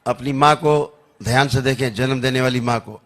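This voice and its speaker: Soft-spoken man leading a healing session. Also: mid-range voice, fairly even intonation, normal speed. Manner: soothing, chanting, wryly joking. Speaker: spiritual healer. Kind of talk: public healing session talk.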